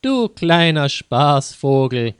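A jovial storybook father, good-humored and gently scolding, as a man reads him. He talks slowly in a smooth, clear voice. The recording is dry and close. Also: medium pitch, expressive, no room sound. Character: jovial father, kindly middle-aged man.

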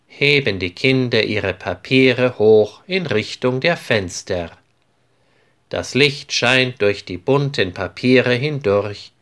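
Slow, clearly spoken male storyteller. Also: medium pitch, fairly bright tone. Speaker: narrator. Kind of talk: storybook narration for language learners.

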